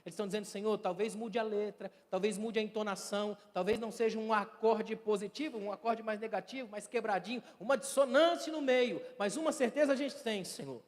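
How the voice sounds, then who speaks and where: A Brazilian man preaches in a church with a high, ringing voice. His delivery is emphatic and swings between hushed and loud. The sanctuary adds a long, trailing reverb to every phrase. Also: fairly quick, hardly any pauses. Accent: Brazilian Portuguese. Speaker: pastor. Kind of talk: sermon.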